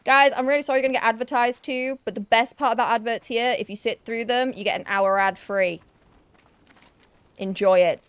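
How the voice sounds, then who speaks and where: While streaming an online game, a chatty young Yorkshire woman, with some Newcastle influence in her accent, thinks aloud, mocks herself, and restarts often. She speaks briskly in a slightly high, somewhat bright, smooth voice with fairly even intonation, on a dry recording.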